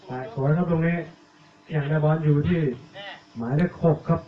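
A man giving live commentary on a village football match, reeling off player numbers and names and getting louder on attacks. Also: on the high side, steady tone, normal speed. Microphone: cheap tablet recording. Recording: echoey, tinny, phone-like audio.

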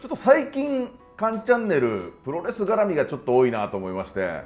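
A man, an off-camera staff member, prompting the host with brisk questions. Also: a little high, huge pitch swings, a little mellow, faint music behind.

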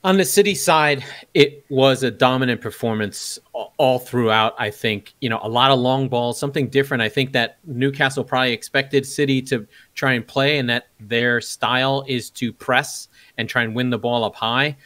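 A man's voice: medium pitch, normal speed, few pauses, fairly bright tone, dry recording. Dry-sounding man analysing football. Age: middle-aged. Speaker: football pundit and co-host. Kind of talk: casual match analysis. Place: indoors at home, video call.

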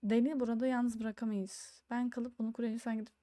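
Woman let's-player, brash and jokey, swears freely, reads game lines aloud, voice a bit high. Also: level tone, brisk, dark tone, no room sound, studio quality. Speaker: gaming YouTuber. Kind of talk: casual let's-play commentary.

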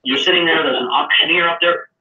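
A man's voice: fairly high pitch, quick pace, sharp tone. A man teaching a live trading session in a chatty way, explaining through long everyday comparisons. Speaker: trading instructor. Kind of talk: live online trading lesson. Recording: echoey, far from mic, tinny lo-fi sound with faint noise.

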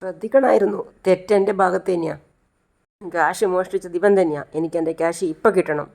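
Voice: mid-range voice, fairly quick, vocal fry, a little mellow, close to an everyday voice. A narrator voicing a harsh middle-aged mother who accuses and scolds insistently. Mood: scolding.

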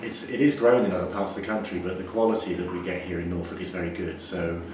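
A man in his forties, a brewer, explaining things in a measured way with frequent restarts during an interview in a brewery. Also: deep voice, little pitch movement. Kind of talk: interview answers. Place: indoor brewery floor. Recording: echoey, distant, noisy brewery room.

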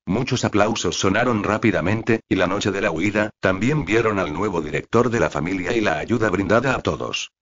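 A low-voiced man reads an audiobook steadily and evenly, a little fast and with few pauses, putting little expression into it. The recording is dull and lo-fi, its top end seemingly rolled off.

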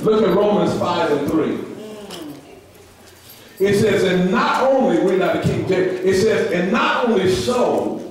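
A man's voice: sits high, expressive, unhurried, crowd noise. A middle-aged man, a pastor, preaching a sermon from the pulpit with a handheld mic, repeating phrases and drawing responses from the congregation. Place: church sanctuary, at the pulpit. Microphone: handheld mic, filmed by a far camera. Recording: echoey church room, far-off camera. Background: congregation murmuring responses.

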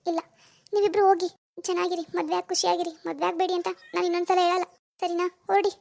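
A woman's voice: very high voice, level tone, fast, creaky, darkish tone. Woman voicing a heartbroken young cartoon wife. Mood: despairing. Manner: tearful, resigned. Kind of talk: animated cartoon dialogue.

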